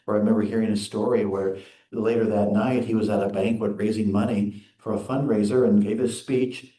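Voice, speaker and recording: A man minister giving an earnest, measured sermon in a church. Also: lowish voice, fairly even intonation, warm tone. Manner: earnest, measured preaching with quoted readings. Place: church sanctuary. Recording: echoey sanctuary.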